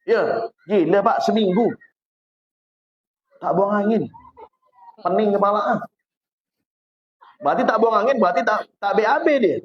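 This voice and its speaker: A man's voice: sits high, unhurried, long pauses. A man from West Kalimantan with a Malay accent, preaching a sermon in a chatty, teasing storytelling way. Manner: chatty, teasing, jokes with the audience. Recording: dull lo-fi recording.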